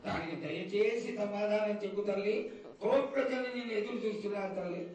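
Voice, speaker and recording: A man's voice: high-pitched, a little fast, a little mellow. A man pleading respectfully and imploringly, like a priest putting questions to an oracle in a ritual. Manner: imploring, respectful, addressing a mother goddess. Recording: very echoey, distant, background noise.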